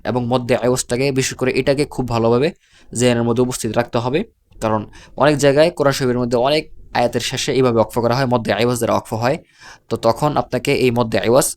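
Male teacher with a Bangladeshi Bengali accent, smooth and clear, mid-pitched, patient and repetitive as he drills syllables for a video lesson. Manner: patient, spells out syllables slowly and repeats them. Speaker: Quran reading teacher. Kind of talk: step-by-step recorded lesson.

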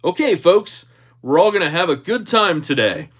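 A man's voice: sits high, very animated, moderate pace, fairly bright tone, husky, pitched above the performer's own voice, full character voice. Man putting on an upbeat ski slope instructor. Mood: cheery instructing. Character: cheerful ski slope instructor briefing a group of skiers. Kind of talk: comic impression.

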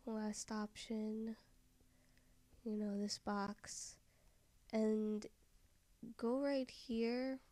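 A soft-spoken woman giving a software tutorial voice-over, often trailing off into a whisper. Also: a little high, steady tone, very slow, long pauses, no echo.

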